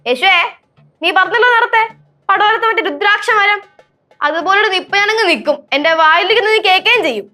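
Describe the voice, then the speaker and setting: A woman's voice: very high voice, animated, brisk, sharp tone, soft background music, exaggerated voice. An actress playing a stern mother scolding her grown son in a TV sitcom. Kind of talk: TV sitcom acting.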